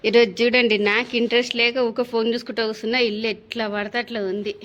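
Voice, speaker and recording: A woman's voice: fairly high pitch, little pitch movement, fairly bright tone, muffled recording, slight background noise. A woman, a mother chatting to a phone camera in her home kitchen. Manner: brisk, chatty, talks to the camera while cooking. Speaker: vlogger and mother. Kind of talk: casual daily vlog chat.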